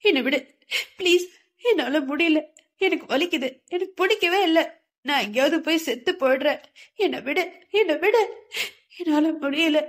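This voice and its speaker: A woman's voice: high voice, moderate pace, pauses often, voice pushed up, natural voice. A woman voicing a terrified young woman who pleads and sobs through a nightmare in an audiobook. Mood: terrified pleading. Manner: pleading, sobbing, frantic.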